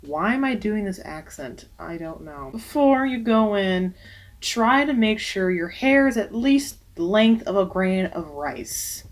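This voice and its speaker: A woman's voice: mid-range voice, lively intonation, unhurried. A young woman who works as a waxer, giving casual, emphatic advice with jokey asides in a vlog.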